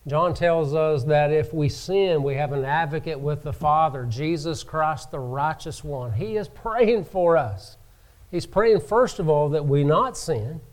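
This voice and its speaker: A man preaching a sermon from the pulpit, slow and emphatic, rising in pitch and volume to stress his points. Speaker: pastor.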